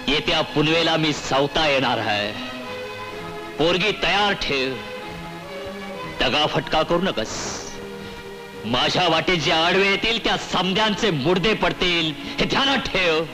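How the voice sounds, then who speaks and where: A ruthless bandit chief who talks in hard, commanding threats. His voice sits high for a man. Film music plays behind him on an old movie soundtrack. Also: animated, unhurried, pauses often. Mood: threatening. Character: menacing male bandit chief threatening a woman. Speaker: film villain. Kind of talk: 1980s film acting.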